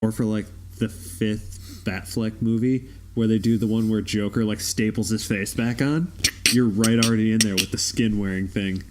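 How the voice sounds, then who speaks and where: A man co-hosting a casual movie commentary, making dry, offhand dark jokes. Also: on the low side, steady tone, normal speed, slight background noise. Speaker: commentary track co-host.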